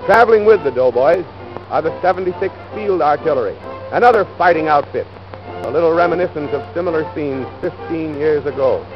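Male newsreel narrator, 1930s; slightly high, chipper delivery; dull lo-fi film sound, music under. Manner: brisk, upbeat, folksy announcer patter. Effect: old newsreel soundtrack.

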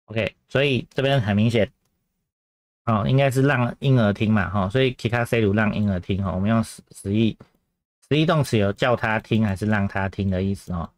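A man walks through exam questions in a casual, chatty way, repeating each point and dotting it with filler sounds. His voice sits low, and the recording is dry and close. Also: a little fast, dry recording. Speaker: Japanese teacher. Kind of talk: grammar lesson explanation.

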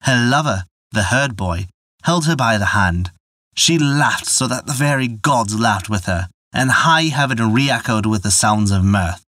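A man narrating a folktale in a measured, expressive storytelling manner on a close mic. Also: medium pitch, dry recording.

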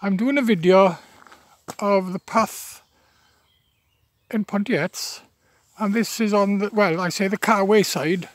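Speaking slowly with long pauses, an elderly Welsh-speaking man from Wales, now in his seventies, narrates his country walk in a high voice. The recording is dry, made on a handheld phone while he stays out of shot on a path by wetland. He is tired, chatty, and plain-spoken, often restarting with fillers.

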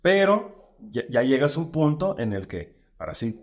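A man, a stand-up comic, chatting on a podcast. His pitch swings up and down a lot as he talks, and his delivery is loose, slangy and animated. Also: normal speed, dull audio. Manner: slangy and animated, with lots of fillers. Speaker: stand-up comedian guest. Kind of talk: casual podcast chat.

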